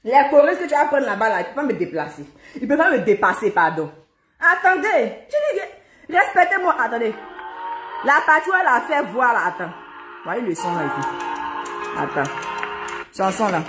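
A woman's voice: on the high side, big pitch swings, fairly quick, pauses often, a bit bright. A woman, chatting playfully and joking as she breaks into song, a little out of breath. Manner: playful, chatty, breaks into sung worship lines. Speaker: singer. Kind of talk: casual chat with singing. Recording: echoey room with music behind.

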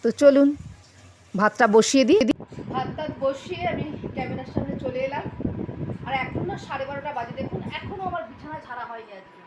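A middle-aged woman talks in a high, lively voice, chatty and a little exasperated, as she vlogs from home. Her voice rings in a roomy space. Loud background noise runs under her words. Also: brisk. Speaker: vlogger. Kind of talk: casual home vlog chat. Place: home, indoors. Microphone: handheld phone camera.

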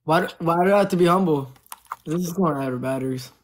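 A boastful young man with a high voice hosts a livestream from an indoor room, talking fast, teasing, and shouting out gifters in casual banter. He's recorded on a phone held at arm's length, with a little hiss or hum.

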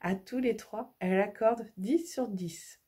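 Breathy woman reading a children's story. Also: medium pitch, a little slow. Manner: lively, expressive.

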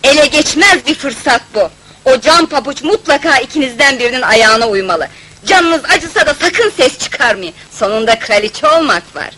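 A scheming, bossy mother in an old fairy-tale film. Her insistent voice is high and sharp, with faint noise on the soundtrack. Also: expressive, moderate pace, rough recording. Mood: eager, scheming. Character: scheming, pushy mother of two daughters.

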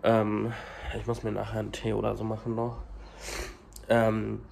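A young man with a cold is recording a casual daily vlog in his small home kitchen and flat, holding his phone at arm's length. He sounds stuffy and coughs, speaking haltingly with lots of fillers in a fairly low, monotone, gravelly voice with a darkish tone. There's slight background noise.

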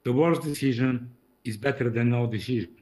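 A man's voice: mid-range voice, brisk, a little mellow. Older man from Bulgaria giving a keynote. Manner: emphatic, repeats key phrases. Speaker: keynote speaker. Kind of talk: keynote speech over video call. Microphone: video call.

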